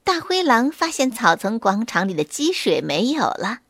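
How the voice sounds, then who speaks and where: A woman storyteller reading a children's story aloud with clear, expressive delivery. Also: a little high, moderate pace, dry recording, studio quality.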